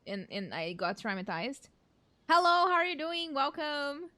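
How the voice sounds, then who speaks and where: A young woman streaming a video game chats through a casual let's play over game music, giggly and hesitant. Her high voice is sing-song and sharp in tone, with a slightly slow delivery.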